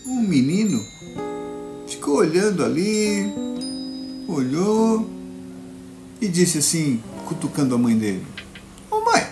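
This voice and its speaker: A man telling a classic fairy tale to children, playful and dramatic, with long pauses. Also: a little high, big pitch swings. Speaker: storyteller. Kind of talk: children's storytelling performance. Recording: echoey room with guitar music.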